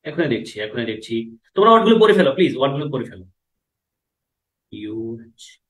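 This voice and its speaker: A man's voice: medium pitch, big pitch swings, brisk, a bit bright. A young man teaching an English grammar class, patiently repeating points and dropping English terms into his speech. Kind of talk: online class lecture. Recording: roomy echo.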